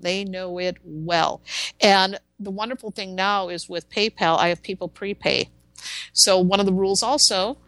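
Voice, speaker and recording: A woman's voice: mid-range voice, no echo. A woman in her forties, a tarot reader and podcast guest, speaking bluntly and emphatically in casual interview chat. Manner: blunt, emphatic, animated storytelling.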